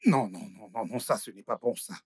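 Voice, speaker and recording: A soothing relative with a husky voice who promises to help. The dubbed-film recording is dry and close. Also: male voice, fairly low pitch, fairly quick, warm tone, dry recording. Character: reassuring male relative.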